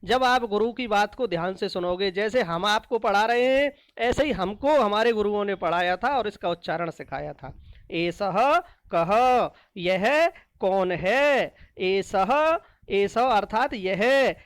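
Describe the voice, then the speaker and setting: A woman teacher explaining a lesson to children, slowly repeating each word and asking questions that she answers herself. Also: mid-range voice, lively intonation, dry recording. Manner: slow and repetitive, asks questions then answers them.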